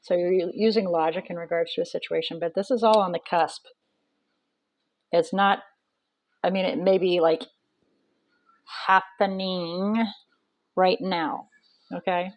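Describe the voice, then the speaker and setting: A woman with a fairly low voice talks through a tarot reading in a relaxed, chatty way. She thinks aloud, often pausing with ums and restarting her sentences. The sound is close and dry, with no room echo. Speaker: tarot reader.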